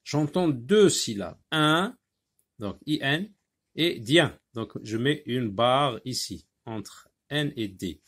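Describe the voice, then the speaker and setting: A man teaches a reading lesson at an unhurried pace, breaking words into syllables and naming each letter. His voice sits at a middle pitch for a man, and he speaks with care. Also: animated, fairly bright tone. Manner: slow, deliberate, spells out letters and syllables.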